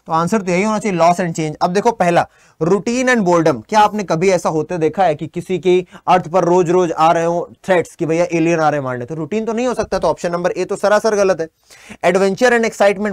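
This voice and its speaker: A male teacher takes his students through a reading passage, reading each line slowly before explaining it and quizzing them. His voice sits fairly high. The sound is close and dry, with no room echo. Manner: addresses students directly, asks and answers his own questions; reads English lines slowly, then explains them in Hindi. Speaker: English teacher. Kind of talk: exam-prep lesson, reading and explaining a passage.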